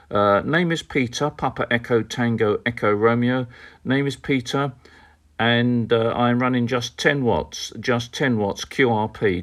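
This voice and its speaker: A British man working as an amateur radio operator and vlogger, talking casually and repeating key details in an unhurried way. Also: medium pitch. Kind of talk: casual radio contacts and commentary to viewers.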